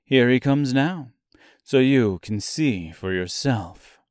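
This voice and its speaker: A man's voice: mid-range voice, expressive, no echo, clean studio sound. A man doing a timid little china princess. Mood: wistful. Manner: slow, soft and fragile.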